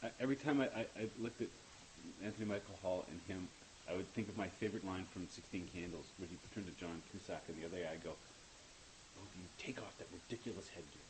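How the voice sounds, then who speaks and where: A man, the show's creator, chatting casually on a commentary track, joking and rambling with quick self-mocking asides. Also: low voice, background noise.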